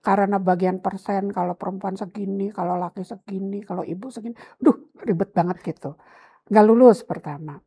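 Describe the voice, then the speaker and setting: A woman's voice: medium pitch, fairly quick, slightly rough. A woman pastor, telling her life story in an interview and acting out the words of people in it. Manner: animated storytelling, acts out her mother's and her own past words.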